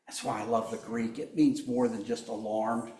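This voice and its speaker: A man's voice: medium pitch, steady tone, normal speed, darkish tone, echoey room. A man preaching a sermon, telling the story with humor and acting out the quoted lines. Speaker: pastor.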